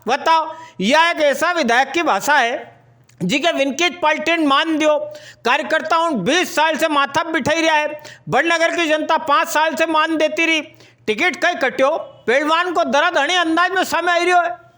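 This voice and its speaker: Very high, bright Malwi-accented newswoman. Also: fairly even intonation, moderate pace. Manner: chatty, folksy storytelling delivery. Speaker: news presenter. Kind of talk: local news bulletin in dialect.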